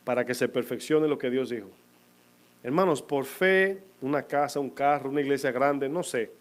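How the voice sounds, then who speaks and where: A man preaching a sermon to his congregation, asking them questions and answering them himself, slowing down to stress key words. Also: mid-range voice. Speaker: pastor. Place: church.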